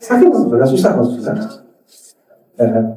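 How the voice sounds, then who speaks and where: A man preaching a lively sermon, mixing in English phrases and acting out quoted dialogue with sudden high-pitched jumps. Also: moderate pace. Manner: mixes English phrases into Indonesian, addresses the crowd as saudara. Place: church hall. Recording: echoey church hall from far off.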